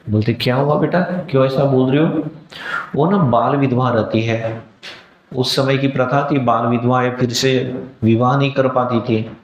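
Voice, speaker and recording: A man, a monk, gives a devotional discourse. He tells stories and acts out the voices of the people in them, mixing English words into his speech. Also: medium pitch. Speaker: monk giving a scripture talk. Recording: echoey hall, faint background noise.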